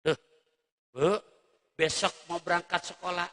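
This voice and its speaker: A male preacher giving a jokey religious lecture, talking straight to the mothers in his audience and swinging between soft asides and shouts. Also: high-pitched, little pitch movement, unhurried, big-room sound.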